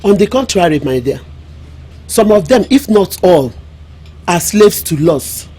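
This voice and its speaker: An actress in a film drama plays a worldly-wise, middle-aged village mother with a Nigerian Igbo accent, counselling her daughter frankly and knowingly. Her fairly low, warm voice is sing-song, unhurried and exaggerated with a breathy edge, and she admonishes emphatically, speaking in proverbs.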